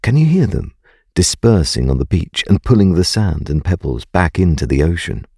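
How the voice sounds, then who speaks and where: Man, guided meditation, gravelly bass voice, calm and gentle, close dry sound. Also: no echo. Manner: calm, gentle, unhurried delivery. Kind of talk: scripted guided meditation, slow and soothing.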